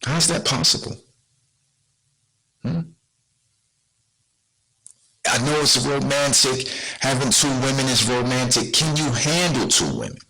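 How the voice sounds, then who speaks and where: A man's voice: medium pitch, animated, unhurried, long pauses, sharp tone, poor audio. A man hosting a podcast, talking casually and bluntly to his viewers, full of rhetorical questions and slang. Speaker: podcast host.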